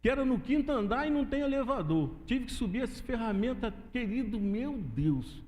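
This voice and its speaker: A man's voice: very high-pitched, animated, moderate pace, darkish tone, a little hiss or hum. A man from Brazil giving a preaching testimony in church, often calling listeners "dear". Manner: addresses listeners as "querido". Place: church sanctuary. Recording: long church-hall reverb.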